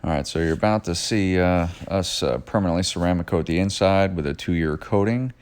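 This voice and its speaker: A man narrating a behind-the-scenes video of his detailing shop's work in a self-described monotone, with frequent "uh" fillers. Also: deep voice, a little fast, smooth. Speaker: detailing shop owner narrating. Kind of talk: voice-over narration of work footage.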